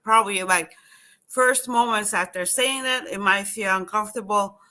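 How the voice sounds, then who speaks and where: A young woman hosting an interview, thinking aloud with many pauses and fillers while she looks for her words. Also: mid-range voice, pushed and bright. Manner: fills with "like", searches for words. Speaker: host.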